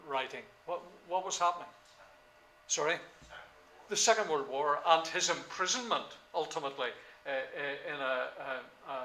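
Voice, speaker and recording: An older man, lecturing a class in a halting way with many fillers and sudden emphasis. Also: a little high, bright, forceful tone, slight background noise. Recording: echoey lecture room, faint ambience.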